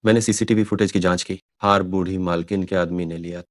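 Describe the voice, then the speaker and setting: A man's voice: sits low, steady tone, fairly quick, background noise, close to an everyday voice. An actor dubbing a male assistant who is deferential and a little teasing. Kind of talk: dubbed drama dialogue.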